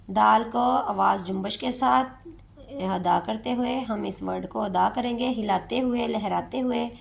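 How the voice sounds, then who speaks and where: Lady tajweed teacher, kinda high voice w gravelly edge, keeps asking "okay?". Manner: checks in often with a rising "okay?", repeats each word slowly. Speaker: Quran recitation teacher. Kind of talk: tajweed lesson, explaining rules then reciting verses slowly.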